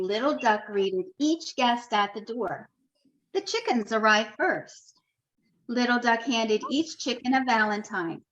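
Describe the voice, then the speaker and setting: Slow storybook-reading woman teacher. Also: a little high, muffled recording. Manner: slow, expressive storytelling with asides to children. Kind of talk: picture book read-aloud for young children.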